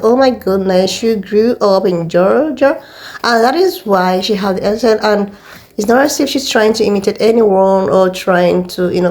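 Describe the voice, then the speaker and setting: A woman's voice: medium pitch, a little mellow. A woman hosting a commentary channel, reading an intro that calls her viewers lovelies in a sweet tone. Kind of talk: scripted video commentary.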